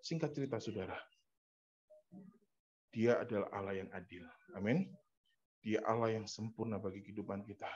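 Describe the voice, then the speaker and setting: A man preaching a fervent evening prayer sermon, often calling out to his listeners and rising to loud emphatic passages. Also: fairly low pitch, normal speed, pauses often. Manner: fervent, repeatedly addresses listeners as brothers and sisters. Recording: dull lo-fi sound.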